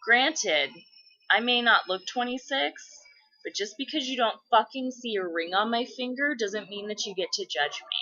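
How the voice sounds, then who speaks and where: A woman's voice: fairly high pitch, animated, normal speed, pushed and bright, dull audio. A woman in her twenties chatting casually, blunt and swearing freely as she gets worked up. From USA. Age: 20s. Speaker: vlogger. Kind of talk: casual chat.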